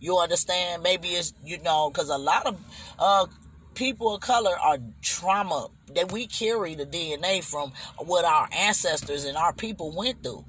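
A middle-aged man hosting a casual podcast chat, animated, who keeps checking that listeners follow him. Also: high voice, normal speed, slight background noise. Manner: animated, keeps asking "you understand?". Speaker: podcast host.

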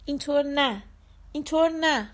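A woman's voice: sits high, voice pushed up, natural voice. A woman voicing a cold, cruel young man who gives curt commands, in an audiobook reading. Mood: commanding.

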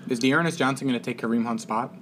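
A man's voice: mid-range voice, fast, a bit bright, a little hiss or hum. Rambling, laughing man in casual sports chat. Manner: loose, rambling, laughs often, many fillers. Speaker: podcast co-host.

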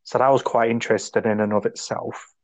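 A man's voice: medium pitch, flat delivery, a little fast. Enthusiastic man raving about a film. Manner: enthusiastic, rambling, acts out quotes. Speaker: podcast co-host. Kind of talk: casual film review chat.

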